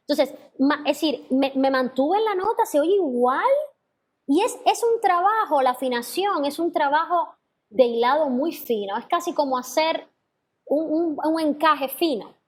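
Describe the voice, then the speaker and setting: A woman's voice: sits high, expressive, moderate pace. A woman teaching a singing class, explaining patiently and singing sample notes and scat syllables. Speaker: vocal teacher. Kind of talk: online class feedback to students.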